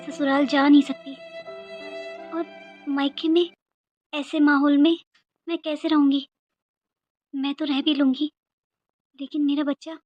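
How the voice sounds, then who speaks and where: A woman voicing a weary, hurt young mother in a cartoon, speaking softly and resignedly. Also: high voice, level tone, a little slow, pauses often, no echo, muffled recording, soft background music. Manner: soft, subdued, resigned. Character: weary, hurt young mother staying at her parents' home.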